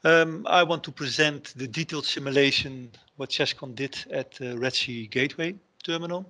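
A middle-aged man from the Netherlands, a terminal IT director, gives an online conference presentation over a headset on a video call. His mid-pitched voice has a bright, forward edge and a Dutch accent, and he hesitates often with ums, restarts, and non-native phrasing.

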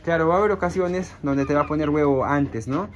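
Man, slightly high voice, casual vlog, chicken coop outdoors, faint background noise. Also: fairly quick, highs cut off. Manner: chatty, addresses viewers as friends, frequent fillers. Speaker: small-scale poultry farmer. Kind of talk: casual vlog explaining his chicken project. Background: hens and roosters clucking faintly.

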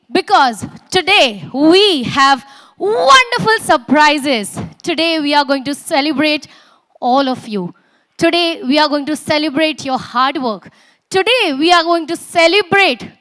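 A woman's voice: high voice, dry recording, clean studio sound. A young woman with an Indian accent hosting a corporate event, projecting energetically to an audience as an emcee. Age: young adult. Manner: energetic, projected, rousing delivery. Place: large auditorium stage. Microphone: handheld and podium microphone.

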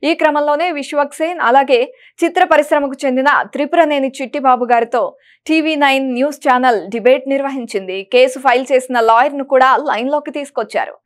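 A woman presenting entertainment news, reading a script in a brisk, even manner. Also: high voice.

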